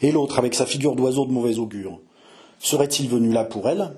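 Male audiobook reader, measured steady narration, mid pitch. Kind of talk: narrating a historical novel aloud.

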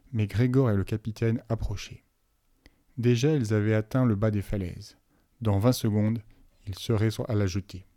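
A man narrating a novel aloud as an audiobook reader, telling the story in an even, measured way. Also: on the low side, dry recording, studio quality.

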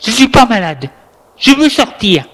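Agitated bedridden young man, curt and stubborn, read by a man, slow delivery. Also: on the high side. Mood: defiant. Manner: defiant outbursts, then flat counting. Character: sick, agitated young man held in bed.

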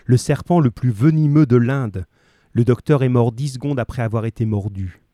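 A man reading a sharp, urgent adult male detective aloud from a book. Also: mid-range voice, normal speed, dry recording, clean studio sound, close to an everyday voice. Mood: commanding.

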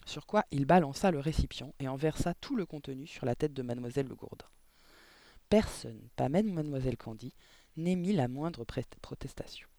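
A man reading a children's novel aloud in a measured way, adding short explanatory asides. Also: mid-range voice, animated, mellow, no echo. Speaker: audiobook narrator.

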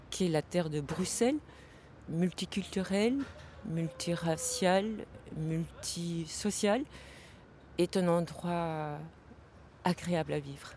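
A woman from Vietnam answering interview questions in a hesitant, halting way with many pauses and fillers, outdoors at a city station. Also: lowish voice, a little mellow, slight background noise.

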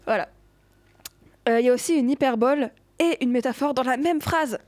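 A woman's voice: sits high, a little fast, a little mellow, no echo. A teenage girl co-hosting a student show, explaining her poem with hesitant, stumbling restarts. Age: teens. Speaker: student co-host.

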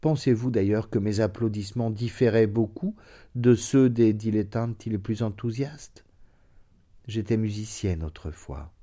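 A man reading the part of a young deaf woman, bitter and despairing, in a soft, sorrowful, measured voice for an audiobook of classic fiction. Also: on the low side.

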